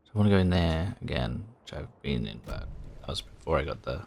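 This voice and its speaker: A man's voice: very deep voice, lively intonation, brisk, gravelly, darkish tone, a little hiss or hum. A man casually commenting while playing a horror video game, muttering his thoughts aloud with a wry edge. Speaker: gaming channel host. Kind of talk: casual let's-play commentary.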